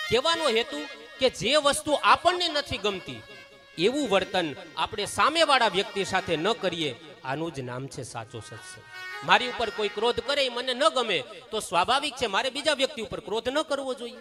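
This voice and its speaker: A woman giving a devotional sermon at a temple gathering, telling stories and acting out the people in them. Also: medium pitch. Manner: animated storytelling, acting out quoted people. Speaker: religious discourse speaker.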